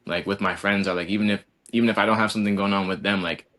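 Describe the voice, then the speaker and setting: A college basketball player in his twenties talks on a casual podcast in a lowish, fairly bright voice with fairly even intonation, racing through his words. Earnest and rambling, he says "like" constantly.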